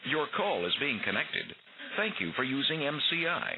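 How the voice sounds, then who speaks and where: A man's recorded operator announcement for a collect call, heard over a payphone line in scripted, clearly spaced prompts. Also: medium pitch, sing-song, normal speed. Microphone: telephone handset. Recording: tinny phone line with loud hiss.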